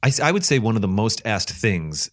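A man's voice: lowish voice, sing-song, normal speed. A man co-hosting a podcast in casual chat, eager and enthusiastic, often restarting his sentences. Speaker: podcast co-host.

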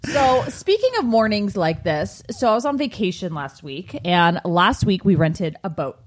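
Lively woman telling a story. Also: mid-range voice, moderate pace. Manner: animated storyteller, acts out quotes. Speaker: podcast co-host. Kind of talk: casual chat.

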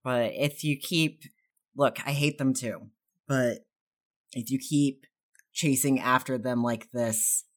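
A woman playing a weary, gentle man who pleads softly with a friend. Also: rumbling low, slow pace, long pauses. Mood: pleading. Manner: soft-spoken, pleading.

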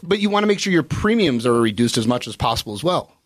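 A man's voice: medium pitch, sing-song, fast, no room sound. Dry-voiced man advising on retirement money. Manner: explanatory, with many "you know" fillers. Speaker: financial advisor. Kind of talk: casual radio chat.

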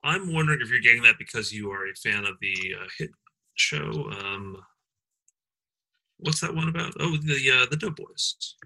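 A man's voice: mid-range voice, lively intonation, normal speed, creaky, sharp tone, low-quality recording. A man co-hosting a comedy podcast, rambling with lots of fillers and ironic asides. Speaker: podcast co-host.

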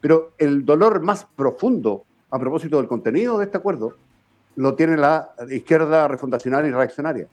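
A man's voice: on the high side, animated, normal speed. A man with a Chilean accent hosting a conversational talk show, courteous, feeling out his phrases and adding little check-questions. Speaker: radio host. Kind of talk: conversational political commentary.

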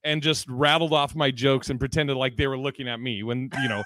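A man's voice: mid-range voice, steady tone, fairly quick, fairly bright tone. A man hosting a podcast in casual chat, laid-back and profane, telling his own story and asking his guest questions. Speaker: podcast host, comedian.

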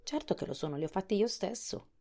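A woman's voice: medium pitch, animated, vocal fry, warm tone, voice pushed up. A woman voicing a bold young boy in a storybook, protesting and proud. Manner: protesting, quick to defend himself.

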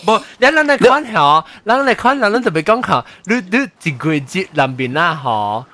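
A man's voice: sits high, big pitch swings, extremely slow, pushed and bright, dry recording. A man in casual chat who laughs often and slips English words into his talk.

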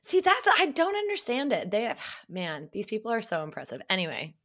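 A woman from Canada co-hosts a sports podcast in easy, casual chat. Her voice is bright and crisp, and she bubbles along with frequent laughs and animated asides. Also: medium pitch, a little fast. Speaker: podcast co-host.

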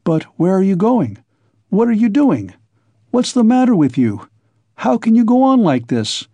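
A man's voice: on the high side, lively intonation, slow, gravelly, darkish tone, husky, no room sound, muffled recording, full character voice. A man voicing a loyal young friend who presses with urgent, anxious questions.

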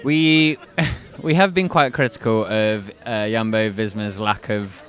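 A man's voice: on the low side, a little slow, fairly bright tone. A man co-hosting a casual podcast, telling stories in a dry, joking way. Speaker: podcast co-host.

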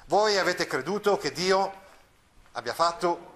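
A man's voice: high voice, lively intonation, a little slow, a bit bright. A man reading aloud the lines of an indignant elderly friar who sternly rebukes a powerful lord. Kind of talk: reading a novel aloud in class.

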